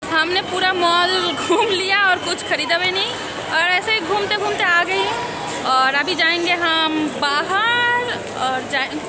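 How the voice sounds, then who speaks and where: Woman in her 30s, high voice, phone vlog in a packed mall, loud crowd noise all round. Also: takes it slowly. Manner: chatty, calls out to family. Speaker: vlogger. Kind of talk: casual vlog narration. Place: busy shopping mall. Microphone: phone at arm's length.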